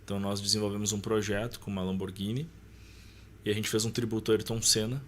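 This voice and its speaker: With a lowish, fairly bright voice, a level tone and a quick pace, a Brazilian-accented man in his thirties tells personal anecdotes as a podcast guest. He speaks in a casual, slangy way, often adding short tags to seek agreement. A little hiss or hum is audible.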